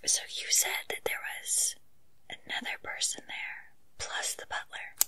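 Whispered role-play by a hesitant woman. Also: measured pace. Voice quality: breathy, unvoiced whisper. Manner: hesitant, coaxing, soft-spoken questioning. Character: earnest, insecure female investigator questioning a witness.

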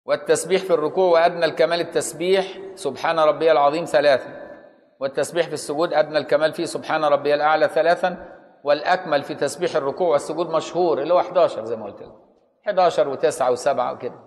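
A man's voice: on the high side, steady tone, racing, in a large hall. A man with an Egyptian accent teaching Islamic jurisprudence in a conversational lecture, often stopping to ask the students if they follow. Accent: Egyptian Arabic.

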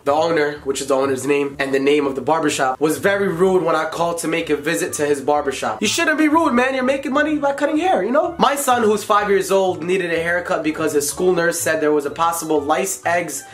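A man, talking casually to camera in a small bedroom, jokey and excitable, jumping up in pitch when riled up. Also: fairly quick, few pauses. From United States. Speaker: vlogger. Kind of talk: casual vlog talk to camera.

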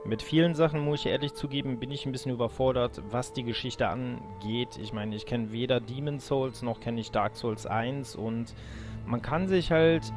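A man gives casual let's play commentary in a medium-pitched voice. He is chatty and talks to his viewers like friends, with game music clearly audible behind him. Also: moderate pace. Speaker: let's player.

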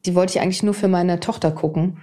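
A woman in her fifties, a TV presenter, telling her personal story to an interviewer in a candid, animated way. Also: fairly low pitch, fast. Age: 50s. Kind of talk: personal testimony in conversation.

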